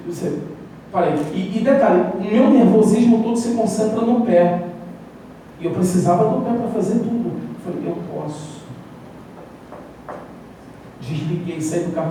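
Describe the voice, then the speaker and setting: A man with a Brazilian Portuguese accent preaching a sermon and telling lively personal stories, acting out his own doubts. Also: high voice, slight background noise. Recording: echoey hall, mic far off.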